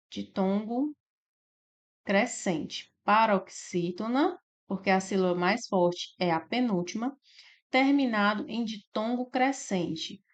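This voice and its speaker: A woman with a Brazilian Portuguese accent teaching a grammar lesson for exam prep. She explains step by step, slowly drawing out syllables and checking in with "né?" and "tá?". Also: mid-range voice, lo-fi sound. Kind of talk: slide-based grammar lesson.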